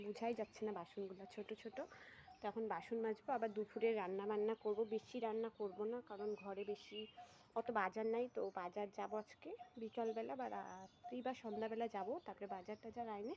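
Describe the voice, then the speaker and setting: A woman's voice: mid-range voice, steady tone, brisk, noisy background. A young woman chatting casually to viewers about her household chores in a vlog. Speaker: vlogger. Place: rural home and riverside.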